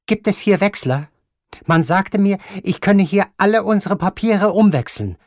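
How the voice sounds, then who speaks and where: A man voicing an imperious elderly grandmother at the gaming table in an audiobook, giving shrill, impatient orders. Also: animated, measured pace, darkish tone, no echo, clean studio sound. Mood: determined. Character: imperious old grandmother gambler, commanding. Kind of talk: audiobook reading.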